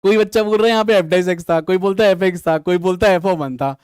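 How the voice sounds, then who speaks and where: Male online maths tutor, high voice, Hindi-English mix, thinks aloud and answers student comments, dry close mic. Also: brisk, a little mellow, clear, resonant tone, dry recording. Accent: Hindi mixed with English maths terms. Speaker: maths teacher. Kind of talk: live online exam solution class.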